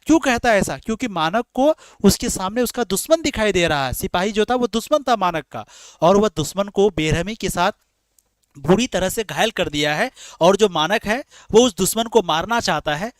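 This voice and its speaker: Male tutor with a high voice for an exam-prep class, explains by repeating himself and answering his own questions. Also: lively intonation, moderate pace, no echo. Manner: repetitive, explains in rhetorical questions, calls students dear children. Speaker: teacher.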